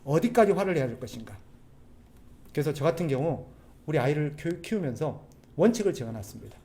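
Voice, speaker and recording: A man preaching a sermon as a pastor, animated, putting rhetorical questions to the congregation. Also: a little high, a little fast. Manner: acts out quoted people's voices.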